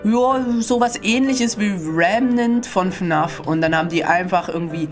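A man's voice: high-pitched, measured pace. A young man giving sarcastic let's-play commentary and mocking the game characters as he plays. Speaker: gaming YouTuber. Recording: game music playing behind the voice.

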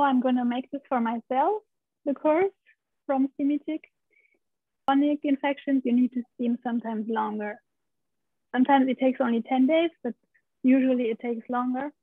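A high-pitched female guest in her thirties from Romania, who works as a pelvic steam practitioner, recounts her story candidly on a video call from home, laughing often and gesturing as she goes. The tinny laptop-mic audio has no room sound at all.

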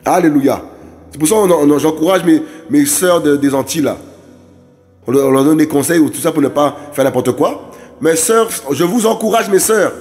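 Male evangelist, high voice, urgent repetitive preaching that keeps turning to the listeners. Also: normal speed, darkish tone, soft background music. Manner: emphatic, repetitive exhortations with frequent asides to listeners. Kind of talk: preaching sermon.

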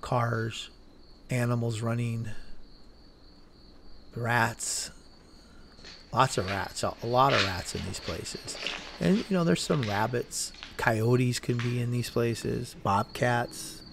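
A man with a gravelly, creaky voice talks through an abandoned building in the desert at night, speaking slowly and rambling. His camera is mounted on his chest, and faint crickets and insects chirp in the background. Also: medium pitch, noisy background. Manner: slow, rambling, self-correcting. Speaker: urban explorer vlogger. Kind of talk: casual walkthrough narration.

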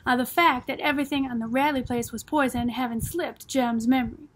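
Breathy, high-voiced woman narrating a novel. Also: fairly even intonation, a little fast. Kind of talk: audiobook reading of a novel.

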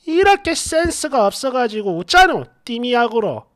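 A man voicing a sneering, spiteful middle-aged mother who scolds in a shrill, scornful way. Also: big pitch swings, moderate pace, fairly bright tone, dry recording, studio quality, heavily acted.

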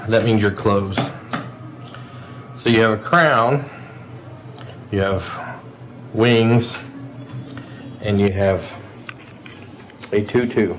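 At the dinner table at home, a father vlogs and teases his child playfully, using hesitant fillers. His voice is on the low side, extremely slow with frequent pauses, and the recording has roomy echo and light background noise.

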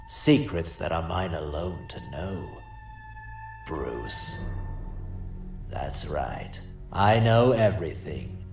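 The Joker, wildly swooping clown villain. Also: male voice, full character voice. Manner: mocking, drawn-out, swinging from hushed menace to shrill glee. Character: gleefully cruel, theatrical male clown supervillain. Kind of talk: theatrical villain monologue in a cartoon fan dub. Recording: roomy echo with music behind.

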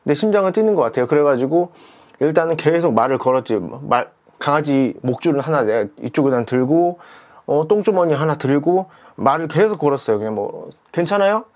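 Excited man retelling a roadside emergency. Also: fairly high pitch, a little fast. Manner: animated retelling, acts out his own shouted words; many fillers and repeated "이렇게". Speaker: motorcycle delivery rider. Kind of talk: casual storytelling vlog.

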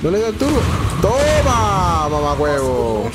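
A Venezuelan man talks over his game with a slightly high, swooping voice. He blurts out exclamations and slang and rattles off repeated words. Game music plays clearly behind him. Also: wildly swooping pitch, slow pace. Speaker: gameplay streamer. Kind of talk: excited gameplay commentary.

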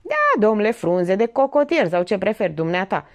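A woman's voice: mid-range voice, wildly swooping pitch. A woman voicing a smug, self-assured middle-aged barber who lectures as if he alone reasons, in an audiobook. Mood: lecturing. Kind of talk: audiobook character reading.

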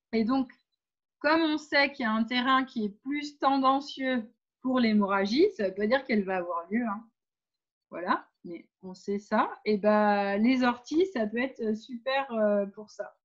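A woman with a fairly high voice leads an informal workshop, talking her listeners through practical tips in a direct, hesitant way. The sound is dull and lo-fi. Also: fairly bright tone. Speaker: workshop leader on pregnancy and birth.

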